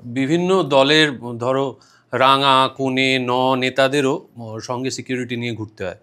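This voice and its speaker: A man's voice: medium pitch, steady tone, unhurried, bright, forceful tone. A man with a Kolkata Bengali accent hosting a podcast, giving brief prompts and listening murmurs. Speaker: podcast host. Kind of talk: casual podcast interview.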